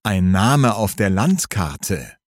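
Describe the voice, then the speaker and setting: A man voicing an earnest, studious teenage schoolboy in a read-aloud story, speaking slowly and carefully. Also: lowish voice, very animated, no echo, clean studio sound, heavily acted. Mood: indignant.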